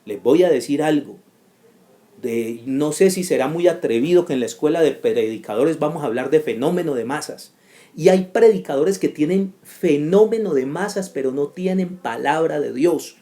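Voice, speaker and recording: A man's voice: fairly high pitch, normal speed, dark tone. A man teaching a class for preachers in a sermon style, with an emphatic, repetitive cadence and sudden rising bursts.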